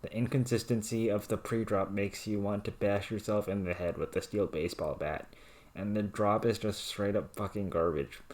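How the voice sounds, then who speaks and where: Deep-voiced man reading in a deadpan monotone. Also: normal speed. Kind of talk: reading written rants aloud.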